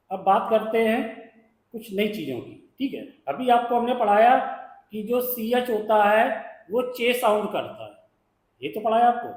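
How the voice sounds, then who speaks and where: A man's voice: very high-pitched, reverberant, poor audio. A man from India teaching shorthand in a patient lesson, repeating sounds and asking his students questions. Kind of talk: classroom-style lesson explaining strokes.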